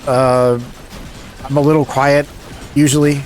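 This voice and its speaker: A man from the suburbs, chatting casually on a live stream, mumbling a little, talking fairly slowly and rambling with restarts. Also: mid-range voice, little pitch movement, a little mellow, slight background noise. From Philadelphia suburbs, USA.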